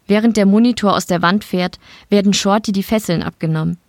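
A woman narrating a short story in an audiobook style, steady and matter-of-fact. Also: mid-range voice, brisk, no room sound, studio quality. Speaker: reader.

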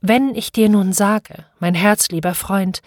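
A woman narrating an audiobook of classic literature with measured, dramatic storytelling. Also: medium pitch, dry recording, clean studio sound.

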